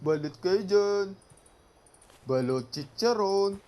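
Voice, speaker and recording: Man acting as a slow, high-pitched Filipino balut vendor crying his wares. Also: animated, warm tone. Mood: calling out. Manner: drawn-out repetitive calling out. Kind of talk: street vendor's sing-song hawking cry.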